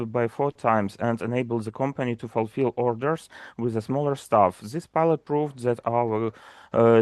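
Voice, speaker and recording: Ukrainian-accented man pitching on a video call. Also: a little mellow, no room sound. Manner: reads a prepared script with frequent "uh" fillers. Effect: on a video call, sharing his screen. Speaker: startup presenter. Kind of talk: prepared pitch presentation.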